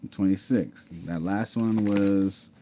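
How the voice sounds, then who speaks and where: A man's voice: fairly low pitch, fairly even intonation, slow, warm tone, a little hiss or hum. A man casually telling his own story to viewers, repeating himself, laughing and saying "mind you". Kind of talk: casual storytelling over screen share.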